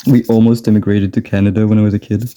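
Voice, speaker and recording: A young French man, a native French speaker, rambles casually and laughs often while drawing for his vlog. His lowish voice has a dark, level tone and a quick pace.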